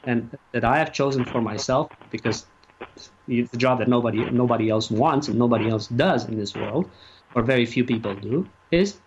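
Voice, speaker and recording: A man giving opinions as a radio interview guest, speaking haltingly and emphatically and repeating his phrases. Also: mid-range voice. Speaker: talk show guest and activist. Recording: muffled lo-fi audio, faint noise.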